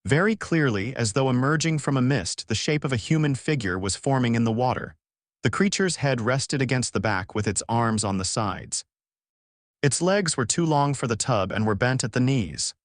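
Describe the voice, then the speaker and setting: A man's voice: medium pitch, animated, moderate pace, dry recording, studio quality. Man narrating a short story. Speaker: author reading his story.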